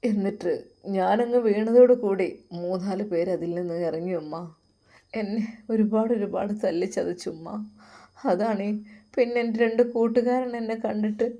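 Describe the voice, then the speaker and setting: An earnest, resentful young man telling his mother what happened, as a woman storyteller voices him. The tone stays mellow, in a Malappuram Malayalam accent. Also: medium pitch, moderate pace, natural voice. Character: hurt determined young man.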